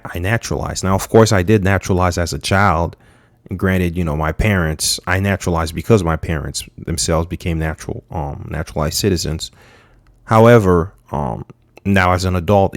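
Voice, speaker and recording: A young man from Haiti giving frank, halting political commentary, with many fillers and restarts. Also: sits low, no room sound, clean studio sound. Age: young adult.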